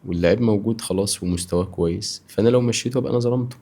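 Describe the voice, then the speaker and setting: An Egyptian man hosts a casual interview in natural, unscripted talk. His voice is low and mellow, and he fires off probing questions very quickly. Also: breathy edge. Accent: Egyptian Arabic. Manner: probing, presses with short questions. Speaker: interview show host.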